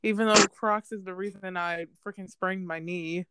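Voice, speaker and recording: A woman's voice: medium pitch, steady tone, normal speed, heavy background noise. A young woman co-hosting a casual chat in a laid-back, teasing way. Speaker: podcast co-host.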